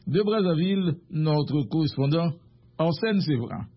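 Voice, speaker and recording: A man anchoring a radio news bulletin, reading in a measured, formal way. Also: on the high side, lively intonation. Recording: muffled radio broadcast.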